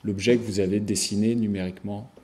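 A man lecturing over slides in a low, mellow voice. He pauses often, fills gaps with hesitations and restarts his phrases, checking in with his listeners as he goes. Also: steady tone. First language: French. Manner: hesitant, many fillers and restarts.

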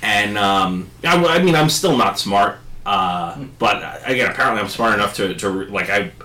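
A young man co-hosting a casual podcast, swearing freely and telling animated stories with impressions of the people in them. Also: lowish voice, normal speed. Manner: animated storyteller, mimics voices in anecdotes. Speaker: podcast co-host. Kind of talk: casual chat, crude joking. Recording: echoey room.

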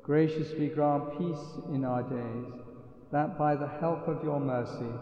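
Priest praying in a cathedral-like echo. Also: male voice, medium pitch, mellow. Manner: solemn, measured recitation. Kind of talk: liturgical prayer, chanted and spoken. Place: large reverberant church. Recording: echoey church reverb, muffled sound.

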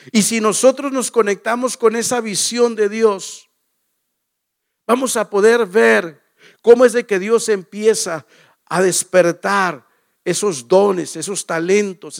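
High, gravelly-voiced preaching man. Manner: emphatic preaching with repeated phrases and rhetorical questions. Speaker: pastor. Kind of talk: sermon.

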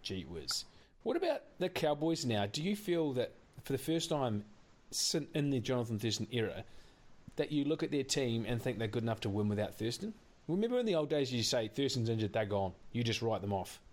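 Animated, blunt Kiwi man. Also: mid-range voice, fairly quick. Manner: blunt, sweary, opinionated. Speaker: sports show co-host. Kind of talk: casual rugby league commentary.

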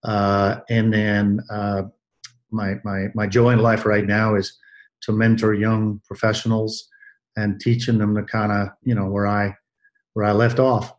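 A man in his sixties from Belgium, answering interview questions about his career in a measured way, with many pauses and restarts. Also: lowish voice, flat delivery. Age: 60s. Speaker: guest, athletic trainer.

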